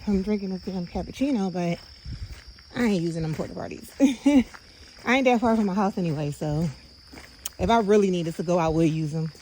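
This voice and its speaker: A woman's voice: medium pitch, poor audio. A chatty woman talks to her viewers as she walks a path outdoors. Faint insects and crickets hum behind her in the open air. She records on a handheld camera. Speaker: outdoors vlogger. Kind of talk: casual walking vlog.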